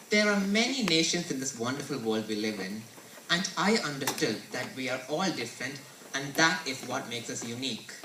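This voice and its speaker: A man's voice: mid-range voice, noisy background. A teenage boy from India giving a recited, earnest school presentation. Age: teens. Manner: earnest, recited storytelling delivery. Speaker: student presenter. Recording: roomy echo, mic at a distance.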